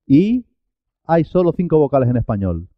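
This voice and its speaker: A man's voice: on the high side, big pitch swings, moderate pace, dry recording, dull audio. A man teaching a Spanish pronunciation lesson, carefully enunciating each sound and model word. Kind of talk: slow, clear pronunciation lesson.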